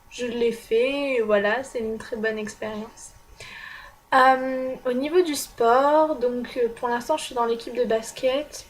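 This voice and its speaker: Slow-talking French teenage girl. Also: fairly high pitch, slight background noise. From France. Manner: chatty, hesitant, many filler sounds. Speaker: exchange student vlogger. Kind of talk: casual vlog recap.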